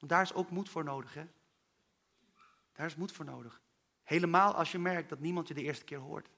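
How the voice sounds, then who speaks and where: A man's voice: on the high side, fairly quick, gravelly, bright, forceful tone. A man preaching a sermon in an earnest, personal way and speaking straight to his listeners.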